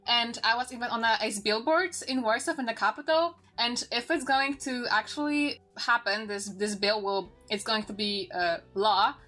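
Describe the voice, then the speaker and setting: Bright-voiced young Polish woman, halting. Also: fairly high pitch. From Poland. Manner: halting, restarts phrases, searches for words. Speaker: guest. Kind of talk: casual podcast chat.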